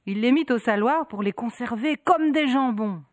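A woman narrating a folk tale in a rhythmic, repetitive storytelling manner with dramatic pauses. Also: fairly high pitch, no room sound, studio quality.

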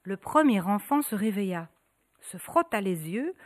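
A woman's voice: medium pitch, very animated, no room sound. Dry-voiced woman telling a story. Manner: rhythmic, repetitive, dramatic pauses. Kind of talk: storytelling narration.

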